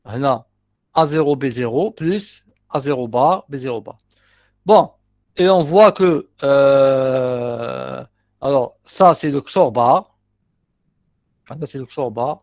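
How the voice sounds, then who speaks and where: With a mid-range voice, a middle-aged man with an Algerian accent teaches a university lecture, taking exercises step by step and repeating his terms. Short asides pepper his explanations, and the recording is dry, clean studio sound.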